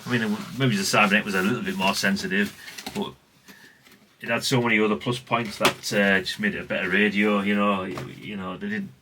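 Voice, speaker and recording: A man's voice: lowish voice, steady tone, a little fast, noisy background. A middle-aged man chatting casually and colloquially in a rambling vlog, often tagging questions onto what he says. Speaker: vlogger, radio collector.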